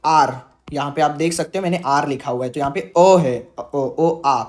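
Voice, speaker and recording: A man's voice: on the high side, moderate pace. Chatty repetitive male grammar teacher. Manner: chatty, repeats points, mixes in English terms; voices students' doubts and answers them. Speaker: English teacher. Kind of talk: casual classroom lesson.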